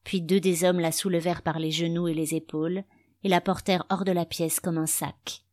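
A woman reads a novel aloud in a measured, steady audiobook style. Her voice sits a little low for a woman. The recording is dry and close, with no room sound. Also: no echo. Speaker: narrator. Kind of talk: audiobook narration.

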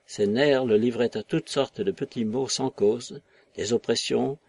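A man narrating a novel in a measured, literary reading on a close mic. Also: mid-range voice, darkish tone, slightly rough, dry recording. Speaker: audiobook narrator. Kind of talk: scripted narration.

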